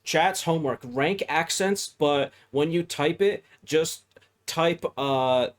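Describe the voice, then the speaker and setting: A man co-hosting a podcast in casual chat, opinionated and animated with quick asides. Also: fairly high pitch. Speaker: podcast co-host.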